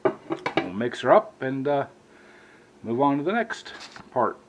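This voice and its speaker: A man's voice: mid-range voice, sing-song, slow, dull audio. An American man hosting a casual home cooking vlog, talking to viewers in a folksy, plain-spoken way. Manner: folksy, addresses viewers as y'all. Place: indoor home kitchen. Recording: clear background noise, kitchen ambience.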